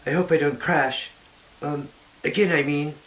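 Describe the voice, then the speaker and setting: An exasperated, weary young woman from a fantasy audiobook, acted out by a man. The voice is pitched up and delivered with hammy stage theatrics. Music plays behind it. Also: fairly even intonation, unhurried, a bit bright. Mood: weary, commanding. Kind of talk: dramatic audiobook reading of a fantasy novel.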